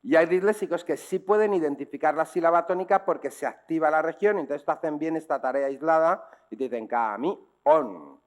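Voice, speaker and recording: A man's voice: on the high side, quick pace, few pauses. A man with a Spanish accent from Spain giving a public talk to teachers and parents, explaining in a didactic way and often checking in with rhetorical questions. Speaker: speaker on dyslexia.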